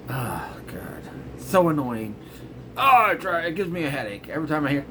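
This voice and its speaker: A man's voice: a little high, fairly bright tone, slight background noise. A middle-aged man hosting his own show, ranting in a grumbling, exasperated way with sarcastic asides. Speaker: host. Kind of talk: casual ranting commentary.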